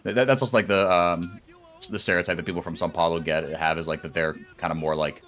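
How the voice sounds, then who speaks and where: Very deep-voiced male esports caster. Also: steady tone, fast talker, fairly bright tone. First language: Portuguese. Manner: rambling, full of fillers and restarts. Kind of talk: casual live-stream commentary chat.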